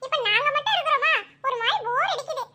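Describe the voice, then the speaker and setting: A woman voices a chatty young cartoon daughter, affectionate and lively. She speaks high, bright and fast. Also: heavily acted.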